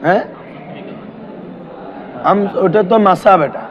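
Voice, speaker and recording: Man, high voice, classroom grammar teacher, keeps quizzing students, dull lo-fi sound. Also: slow. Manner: quizzing students with constant questions. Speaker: madrasa teacher. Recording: dull lo-fi recording.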